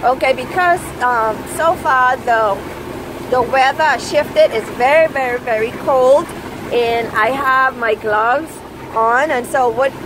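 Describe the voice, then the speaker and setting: A woman's voice: high voice, slow. A woman chatting casually as she films a sailing vlog from the deck of a sailboat, explaining things with many fillers. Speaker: sailing vlogger. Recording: windy outdoor phone recording. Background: wind and water noise.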